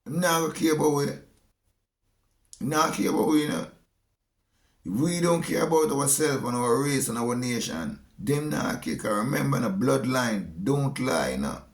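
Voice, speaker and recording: A man with a Jamaican accent delivering a slow, preachy monologue. He stresses his points and often repeats phrases. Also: medium pitch, animated, echoey room. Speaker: speaker giving a monologue.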